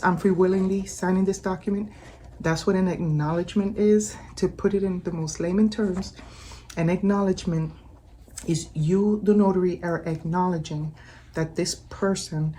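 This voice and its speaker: Woman, Caribbean accent, lowish voice, mellow tone, faint room hum, casual notary tutorial. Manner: explains slowly from notes, addresses viewers directly. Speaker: notary teaching viewers. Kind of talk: casual explainer talk.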